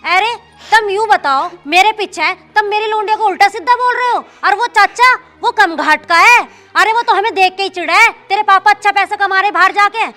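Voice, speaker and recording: A woman as a high, sharp-tongued village mother. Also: expressive, normal speed, faint music behind. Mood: scolding. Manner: scolding, earthy village speech.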